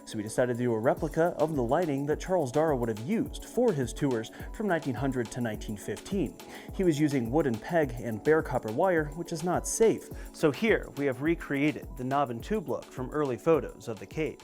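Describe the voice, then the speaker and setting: Lively male cave tour guide over music. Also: medium pitch, brisk. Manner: explanatory, presenting sights on the move. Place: on location along a cave tour. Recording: music behind the voice.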